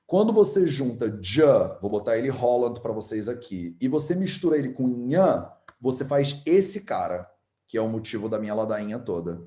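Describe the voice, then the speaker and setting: Male Carioca teacher, chatty and patient, mellow voice, roomy echo. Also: mid-range voice, sing-song, normal speed. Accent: Carioca Brazilian Portuguese. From Rio de Janeiro, Brazil. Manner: chatty, explains patiently, repeats sounds aloud. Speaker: Ayurveda and Sanskrit teacher. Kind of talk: casual online lesson.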